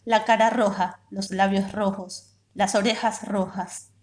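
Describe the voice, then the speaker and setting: A woman, a reading promoter, telling a children's story aloud in a measured, expressive way. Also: mid-range voice.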